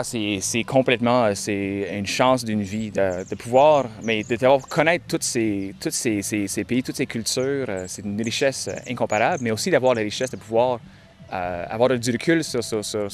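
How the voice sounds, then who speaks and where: A young man, answering interview questions in a halting way, often repeating words. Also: fairly low pitch, slight background noise. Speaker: touring cyclist interviewee.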